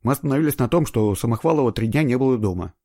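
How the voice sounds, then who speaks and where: A man playing an ironic, impatient middle-aged investigator in an audiobook, gruff and scolding. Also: mid-range voice, expressive, rapid-fire, warm tone, dry recording, pitched above the performer's own voice. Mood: pressing. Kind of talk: audiobook reading.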